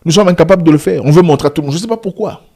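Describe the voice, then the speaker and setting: With a slightly high voice that is a little mellow and slightly rough, he speaks in a rapid-fire way. He is an online video commentator addressing the camera in a passionate monologue packed with rhetorical questions and frequent restarts. His first language is an African language, not French.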